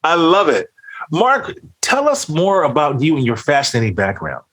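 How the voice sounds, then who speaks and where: A man's voice: on the high side, wildly swooping pitch, normal speed, fairly bright tone. A man hosting a leadership podcast, reading a polished introduction and then interviewing a guest in an upbeat presenter's manner. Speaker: podcast host.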